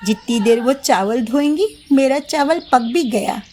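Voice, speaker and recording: A woman's voice: high-pitched, unhurried, darkish tone, voice pushed up. A woman voicing a lazy, scheming young daughter-in-law in a storybook, sweet-talking and dismissive. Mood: lazy grumbling. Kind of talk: storybook voice acting.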